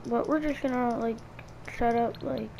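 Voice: medium pitch, fairly even intonation, moderate pace, gravelly, darkish tone, slight background noise, poor audio. A young, school-age gamer giving casual, hesitant, rambling gameplay commentary, talking with a split lip. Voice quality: speech hindered by a split lip. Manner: hesitant, rambling, repeats words. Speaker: gaming video creator.

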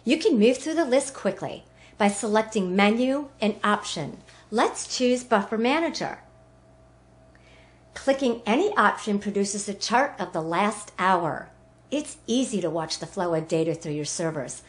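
Upbeat female presenter for an app demo, enthusiastic scripted pitch, mid-pitched. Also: animated, a little slow. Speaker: product presenter. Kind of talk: cheerful scripted product demo.

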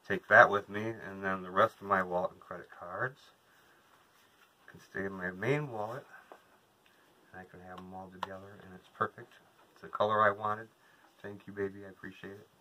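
A man's voice: low-pitched, steady tone, normal speed, long pauses, pushed and bright, slight background noise, rough recording. A man in his thirties, a vlogger, chatting casually to a camera across from him inside a small trailer. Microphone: camera a couple of metres away.

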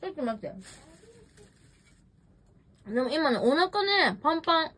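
High, lively young woman streaming. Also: moderate pace, a little hiss or hum. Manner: chatty and rambling, reading viewer comments. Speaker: livestreamer. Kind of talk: casual livestream chat while eating. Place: messy room at home. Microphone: smartphone.

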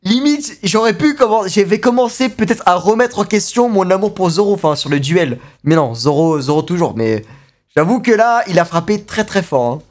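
This young streamer watches a video live and reacts with excitement, full of slang and repeated exclamations. His voice sits high, at a moderate pace.

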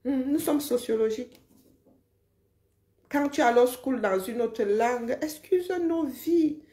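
A woman lectures and mocks in a loose, animated rant. Her voice has a gravelly fry to it. The sound rings with a roomy echo. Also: fairly high pitch, slow. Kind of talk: casual live rant.

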